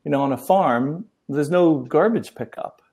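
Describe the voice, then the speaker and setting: Welsh-born middle-aged guy, gravelly and mellow, talks slow and thoughtful with lots of ums. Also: on the high side. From Wales. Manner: thoughtful, many ums and restarts. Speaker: guest, relationship coach. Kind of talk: interview answers.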